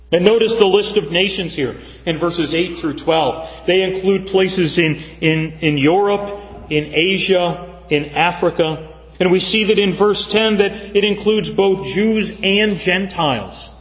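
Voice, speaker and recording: A man preaching a sermon as pastor, earnest and measured, with frequent fillers. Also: on the high side. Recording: dull sound, long church reverb.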